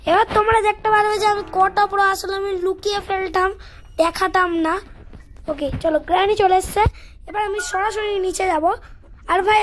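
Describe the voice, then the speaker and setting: A woman giving casual gameplay commentary as a channel host, chatting to viewers and taunting and calling out to the game's villain. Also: very high voice.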